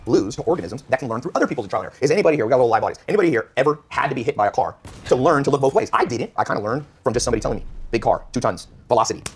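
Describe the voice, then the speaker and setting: Rapid-fire emphatic man. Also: medium pitch, expressive, husky. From United States (California). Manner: emphatic, acts out quoted voices. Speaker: podcast guest. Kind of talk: animated motivational storytelling.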